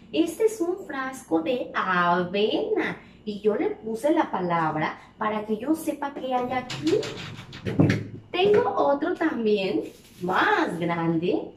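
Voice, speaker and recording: A woman teaching preschoolers, stretching out each word and asking sing-song questions. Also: high-pitched. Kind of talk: slow, exaggerated teaching to small children. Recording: echoey room, voice from a distance, faint background noise.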